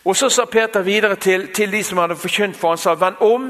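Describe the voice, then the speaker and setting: A man's voice: sits high, fairly bright tone. A man with a Bergen Norwegian accent, a conference speaker giving a sermon built on a personal testimony. He tells his story directly to the audience, with frequent asides. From Bergen, Norway. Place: large meeting hall. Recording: long hall reverb.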